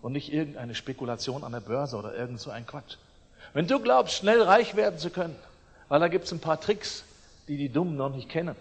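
A man preaching a sermon emphatically, swinging between loud declarations and quiet, pointed asides. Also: a little high, expressive, fairly quick, breathy edge, in a large hall.

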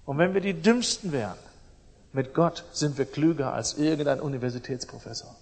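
A man's voice: a little high, brisk. Emphatic preacher man in an echoing hall. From East Germany. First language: German. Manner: emphatic, swings between loud and soft, repeats phrases. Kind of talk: sermon. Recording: long hall reverb.

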